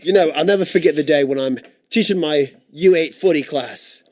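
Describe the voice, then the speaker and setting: A man's voice: on the high side, a little fast, darkish tone, dry recording, natural voice. A man voicing a boastful mock-British youth soccer coach who tells an anecdote full of slangy exclamations.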